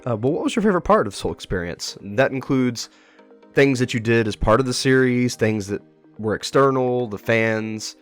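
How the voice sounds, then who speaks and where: An expressive man with a mid-range voice and moderate pace hosts a casual interview about a web horror series. Music plays behind him as he asks inquisitive, supportive questions.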